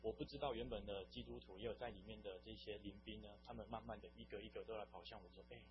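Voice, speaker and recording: A man's voice: fairly low pitch, steady tone, quick pace. Earnest young man. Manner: earnest, meandering storytelling. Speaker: testimony speaker. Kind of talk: personal faith testimony. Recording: dull lo-fi recording with faint hum.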